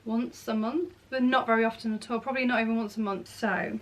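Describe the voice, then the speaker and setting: A woman's voice: fairly high pitch, steady tone, brisk. A woman of thirty chatting casually to camera in a Q&A vlog, rambling and correcting herself as she goes. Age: 30s. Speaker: beauty and lifestyle vlogger.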